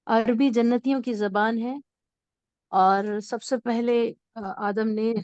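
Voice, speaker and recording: A woman teacher with a fairly high voice explains grammar patiently, repeating key words to make them stick. The sound is dry, with no room echo at all. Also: steady tone, darkish tone, clean tone, lo-fi sound. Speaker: Arabic teacher. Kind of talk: online class lecture.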